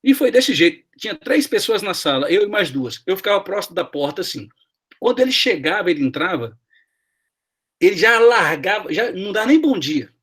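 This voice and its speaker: Middle-aged man, Brazilian accent, husky voice, lively pitch, anecdotal, video call. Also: a little fast. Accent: Brazilian Portuguese. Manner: chatty, anecdotal, asks many tag questions. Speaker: guest HR professor. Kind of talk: live class conversation, storytelling.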